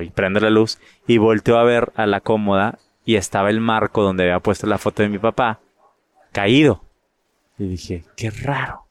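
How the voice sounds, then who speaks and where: A middle-aged man with a northern Mexican accent, talking in a casual interview. His voice sits fairly low, and he tells his stories in a lively way, often repeating a word while he searches for the next. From Monterrey, Mexico. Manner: animated, repeats words while finding them. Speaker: actor and guest.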